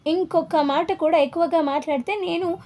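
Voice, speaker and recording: A woman's voice: very high voice, fairly even intonation, normal speed, mellow. A woman voicing an angry young man who threatens his father, in a heated storybook line. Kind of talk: storybook dialogue reading.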